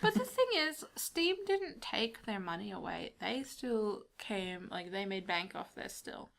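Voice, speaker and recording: A woman's voice: mid-range voice, sing-song, unhurried, gravelly, a bit bright, poor audio. A woman co-hosting a casual gaming podcast, blunt and sarcastic, swearing freely. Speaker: podcast co-host. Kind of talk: casual chat.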